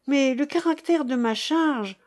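A woman's voice: high voice, a little slow, darkish tone, voice pushed up. A woman voicing a timid, plump notary who pleads in a flustered way.

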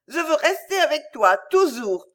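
A small, stubborn little girl, as a woman reader puts her on in a storybook reading, her voice pitched high and swooping with childish insistence. She pleads and clings, on the edge of tears. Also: sing-song, normal speed, fairly bright tone. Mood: pleading.

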